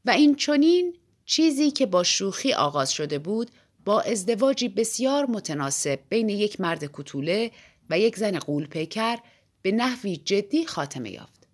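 Brief: woman narrator with an animated storytelling read, mid-range pitch. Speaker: audiobook reader.

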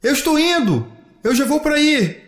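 A man voicing Adrien, an eager young boy who keeps calling out in a high voice for his father. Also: very animated, moderate pace. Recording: echoey room.

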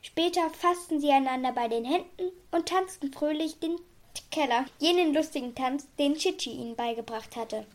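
A woman reading a children's story aloud in a calm, even storytelling manner. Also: high voice, normal speed. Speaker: narrator.

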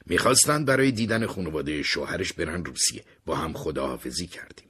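Speaking in the first person, a male narrator recounts a story with a low, very husky and breathy voice. The telling is vivid and dramatic, his pitch climbing and dipping as he brings it to life.

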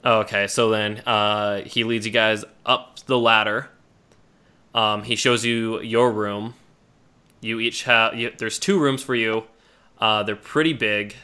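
Casting: male game master, lowish crisp voice, halting descriptive improvised narration. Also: fairly even intonation, pushed and bright.

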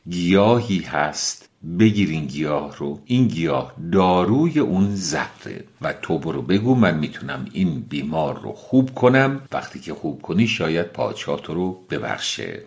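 A man voicing a wise, calm talking snake in a storybook tale, gently reproachful as it gives advice. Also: sits low. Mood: calm advising.

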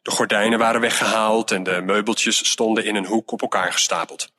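A man calmly reading a children's storybook aloud in an even narrating voice. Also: lowish voice, fairly quick.

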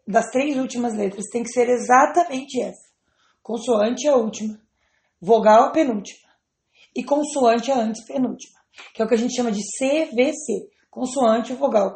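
A woman's voice: fairly high pitch, vocal fry, a little mellow. A woman teaching English grammar to students, patiently spelling out letters and checking they follow. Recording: roomy echo.

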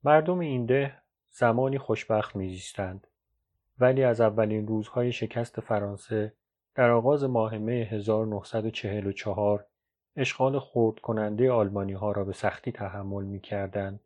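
A man narrating a novel as an audiobook, in a measured, even storytelling read. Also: on the low side. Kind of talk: scripted literary narration. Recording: dull lo-fi recording.

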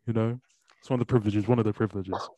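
A man hosting a podcast, chatting playfully with mock-formal lines and excited storytelling. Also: lowish voice, very fast, no room sound. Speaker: podcast host. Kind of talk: casual chat.

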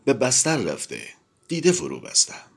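A man narrating a novel aloud in a dramatic, expressive reading. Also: medium pitch, gravelly, slightly rough. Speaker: audiobook narrator. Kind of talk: scripted literary narration.

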